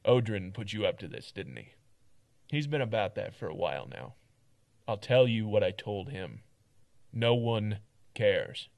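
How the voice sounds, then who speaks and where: A man voicing a gruff, dismissive middle-aged miner in a game, talking bluntly and loudly. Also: on the low side, big pitch swings, normal speed. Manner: blunt, loud and scornful.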